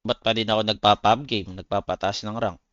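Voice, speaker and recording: A Filipino-accented man who streams games and plays competitive esports chats with viewers in a fairly low, level voice, slightly fast and a bit bright. He's blunt, slangy, and swears, calling everyone buddies. There's no echo, but the recording is muffled.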